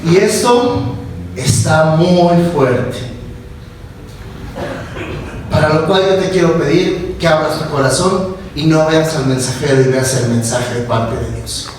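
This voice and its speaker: A man preaching a sermon as pastor, mocking whiny voices and building to shouted exhortation. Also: fairly high pitch, measured pace, far from the mic, slight background noise. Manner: mimics whiny voices of church members. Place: church sanctuary. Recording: echoey church sanctuary from afar.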